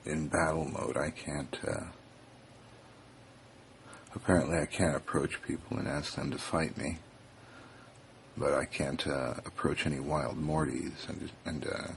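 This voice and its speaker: A man with a deep, low voice talks casually to himself, rambling and pausing on fillers as he thinks aloud. He sounds like he's at home in a kitchen, with a faint hiss of noise behind him. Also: creaky. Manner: musing aloud, halting with fillers. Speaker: video host.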